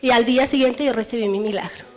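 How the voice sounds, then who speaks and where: A woman in a church telling her personal testimony, earnest and lively with a self-amused touch. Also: a little high, quick pace, noisy background. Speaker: church member giving testimony.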